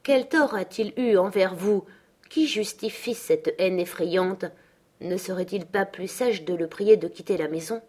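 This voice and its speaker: A woman's voice: mid-range voice, unhurried, a little mellow, lightly acted. A woman reading aloud as a weary, frightened young woman who asks anxious, pleading questions.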